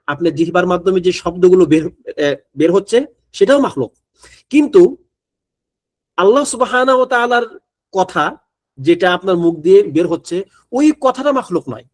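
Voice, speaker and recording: A man with a high-pitched voice teaches a religious studies class. He reads passages of Arabic text and then explains them patiently, point by point, checking in with his listeners as he goes.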